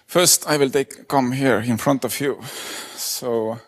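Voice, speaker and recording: Man giving a conference talk. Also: medium pitch. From Estonia. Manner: plain, halting non-native English with many fillers. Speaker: conference speaker. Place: conference hall. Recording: long hall reverb.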